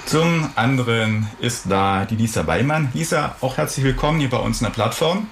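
A man hosting a radio studio interview, chatty and relaxed as he introduces guests and asks loose, rambling questions. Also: medium pitch, normal speed, slight background noise. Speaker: radio host.

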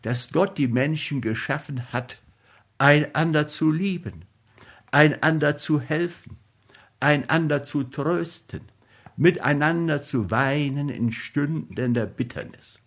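A man reading a literary story aloud in a measured, solemn manner. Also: fairly high pitch, fairly bright tone. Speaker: narrator.

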